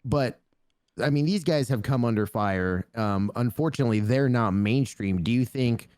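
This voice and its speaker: A man's voice: mid-range voice, moderate pace, darkish tone, smooth, no echo, clean studio sound. A young man co-hosting a casual podcast, joking, swearing and wandering off on tangents. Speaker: podcast co-host. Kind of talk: casual chat.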